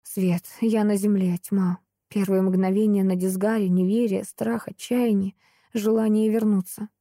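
A woman reads a first-person fantasy audiobook with expressive storytelling. Her voice is dark, mellow and warm. The recording is dry and close, with no room sound. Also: mid-range voice, measured pace, no room sound. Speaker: audiobook narrator.

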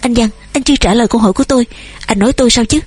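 A woman voicing a headstrong young daughter who shouts back, shrill and tearful, with a husky voice. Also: very fast, no echo. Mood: defiant.

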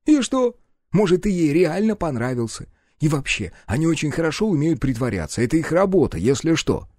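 A brash young sidekick, crude and cocky, who mocks and jeers in a raised, lively voice, as a male narrator plays him. The sound is dry and close-miked with a mellow tone. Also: on the high side, fairly quick, dry recording, voice pushed up. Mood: brash mocking. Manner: loud, mocking, swaggering.

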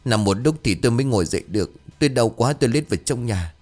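A man's voice: medium pitch, animated, fast talker, darkish tone, faint music behind, natural voice. A man voicing an injured middle-aged wife who speaks plaintively. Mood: pained.

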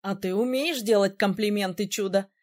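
A woman reading an audiobook, voicing a calm, teasing young male prince with a slightly lower, softer voice. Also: normal speed, close to an everyday voice. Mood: gentle amused.

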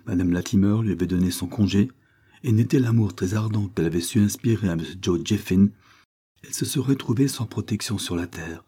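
Casting: male storybook reader, dark mellow tone, low, steady. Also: brisk, slightly rough. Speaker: audiobook narrator. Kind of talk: scripted narration.

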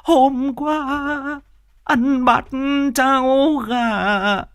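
A man voicing a boastful, clownish middle-aged man with a high, drawn-out, wailing delivery. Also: very animated, no echo, clean studio sound, exaggerated voice. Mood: mock wailing.

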